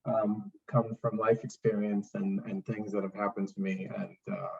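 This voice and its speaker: A man's voice: lowish voice, flat delivery, normal speed, vocal fry, recorded from a distance, lo-fi sound, a little hiss or hum. A middle-aged man from Trinidad and Tobago, a singer-songwriter answering interview questions in a thoughtful, rambling, self-deprecating way. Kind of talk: relaxed interview talk.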